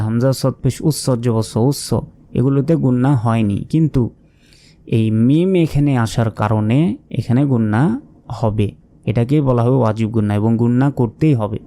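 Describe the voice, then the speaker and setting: A patient male teacher with a Bangladeshi Bengali accent, spelling out syllables one at a time and asking the class rhetorical questions. His voice is mellow and dark, at an ordinary male pitch, and he talks at a steady classroom pace. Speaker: Quran reading teacher. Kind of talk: slow spelling-out lesson.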